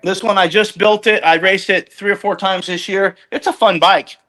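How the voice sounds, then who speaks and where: This man in his fifties, a guest on a podcast, speaks at a moderate pace in a high, sharp voice with fairly even intonation. His casual chat wanders as he tells stories, and he keeps interrupting himself to restart.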